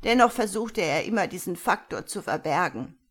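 A woman voicing a frail, very old lady who speaks high and almost shouts, with a quavering edge. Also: expressive, moderate pace, slightly rough. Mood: shouting fond.

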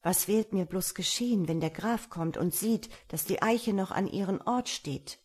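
A woman's voice: mid-range voice, moderate pace, darkish tone, slightly rough, lightly acted. A woman reading the lines of a poor, kind-hearted male woodcutter in a fairy tale, earnest and worried.

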